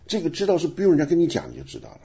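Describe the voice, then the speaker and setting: Male radio Bible teacher, emphatic with rhetorical questions, lively delivery, dull lo-fi sound. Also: a little high, rapid-fire, gravelly, breathy edge. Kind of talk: radio Bible study discussion.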